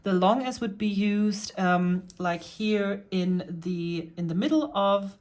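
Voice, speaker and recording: A woman's voice: mid-range voice, takes it slowly, a little mellow. A woman vlogger patiently explaining and pointing things out in a casual show-and-tell about her cross-stitch hobby.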